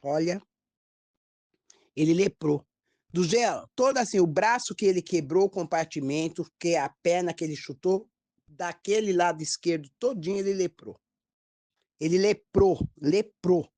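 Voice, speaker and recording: A woman's voice: lowish voice, normal speed, no echo. Brazilian woman pastor telling a testimony. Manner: storytelling, animated quoted dialogue. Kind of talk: testimony sermon.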